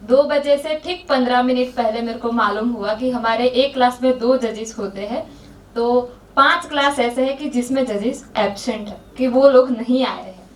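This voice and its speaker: A woman's voice: on the high side, normal speed. A young woman earnestly telling a personal story to a group, going through the events step by step. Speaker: volunteer sharing an experience. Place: large hall. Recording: echoey hall, far from mic.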